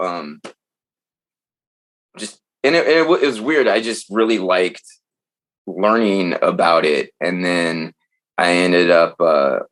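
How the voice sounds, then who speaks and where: Low-voiced man telling stories casually. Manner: animated storyteller who swears freely. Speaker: guest. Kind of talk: casual chat.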